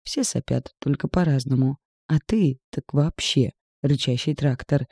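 A hot-tempered young village woman snaps and mocks with a raised, higher voice, as a man reading the audiobook puts her on. A gravelly, dark grain stays under her scolding. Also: measured pace, no room sound, studio quality. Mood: angry scolding. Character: fiery, sharp-tongued young village woman.

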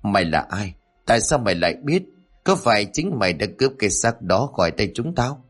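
A man voicing an angry middle-aged sorcerer priest who shouts threats in a horror story. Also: low voice, expressive, moderate pace, faint music behind. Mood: furious.

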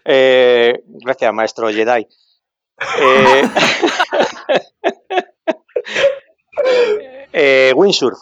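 A man's voice: medium pitch, very animated, drawn-out words, pauses often, fairly bright tone, no room sound. A man calling in by mobile phone as a podcast guest, chatting casually and joking with a chuckle. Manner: joking, chuckling between remarks. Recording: dry lo-fi phone audio.

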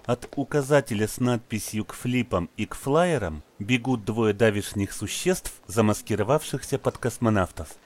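A man's voice: lowish voice, lively intonation, normal speed, few pauses, a little hiss or hum. A man reading scripted audio description of on-screen film action as a narrator.

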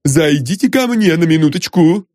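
A man's voice: on the high side, expressive, normal speed, dry recording, studio quality, voice pushed up, close to an everyday voice. A man voicing an anxious, genteel lady. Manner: hushed and urgent. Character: anxious genteel middle-aged woman.

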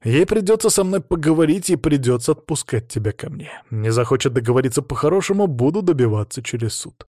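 A man's voice: on the high side, lively intonation, a little fast, hardly any pauses, mellow, no room sound, voice pushed up. A man reading the part of a remorseful, tender father in an audiobook, close to his own voice. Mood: determined.

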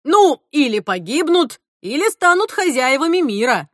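A woman's voice: high voice, big pitch swings, normal speed, no echo, clean studio sound, voice pushed up. A woman voicing a mild middle-aged man with a wry, easygoing manner in an audiobook. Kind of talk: audiobook character reading.

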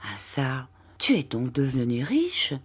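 A woman reading the part of a warm, emotional elderly peasant foster mother in an audiobook, with exclamations and soft affection. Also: very deep voice, wildly swooping pitch, slow, slightly rough, voice pushed down, exaggerated voice. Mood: affectionate.

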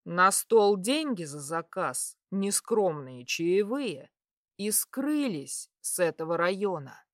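A woman voicing a hulking bear werewolf man who speaks in a low, slow, commanding growl. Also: sing-song, no room sound, studio quality.

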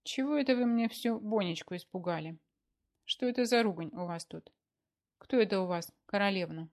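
A woman voicing a stern, bossy older wife who scolds with a sharp tongue in a read-aloud story. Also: medium pitch, normal speed, lightly acted. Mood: scolding.

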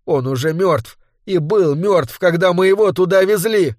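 A man doing a frayed, quick-tempered mother in an audiobook, her voice pitched up and pushed hard. She lashes back in anguished bursts, worn out and cornered, with a dry, close sound. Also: a little mellow, dry recording, close to an everyday voice. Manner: anguished outbursts. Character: exhausted frightened mother, woman, quick-tempered.

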